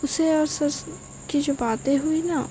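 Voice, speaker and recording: Storybook sidekick, a nosy young man who wheedles and needles his friend, voiced by a woman with a high voice. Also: fairly even intonation, unhurried, dark tone, slight background noise. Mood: needling.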